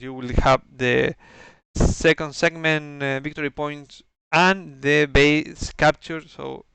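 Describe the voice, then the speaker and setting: A man with a non-native English accent giving an explanatory game briefing in a halting, methodical way, searching for words. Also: a little high, gravelly, a bit bright, smooth, no room sound. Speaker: organizer briefing players on campaign rules.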